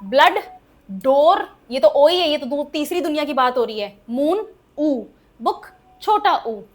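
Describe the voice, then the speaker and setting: A woman's voice: high voice, moderate pace, faint music behind. A woman, teaching spelling rules in a chatty classroom lesson and often checking whether the class follows. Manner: lively, chatty, asks the class questions and laughs at the oddities. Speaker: English teacher.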